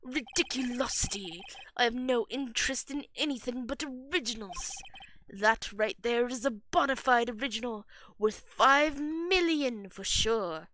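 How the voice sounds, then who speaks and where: A woman voicing a pompous, flamboyant male company boss who drawls slowly and grandly and mangles big words. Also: on the high side, fairly bright tone, no room sound, voice pushed up. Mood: grandiose.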